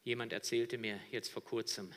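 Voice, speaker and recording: Male preacher, bright forceful voice, dramatic swings from whisper to shout, long hall reverb. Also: fairly low pitch, steady tone, moderate pace. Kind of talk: sermon.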